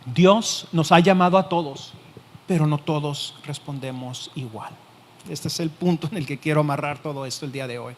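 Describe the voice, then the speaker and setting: Emphatic male pastor, fading to quiet endings. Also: on the high side, normal speed, a little hiss or hum. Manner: emphatic, repeats key phrases, drops to a quiet hush at phrase ends; direct, addresses the listener as tú. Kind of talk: sermon.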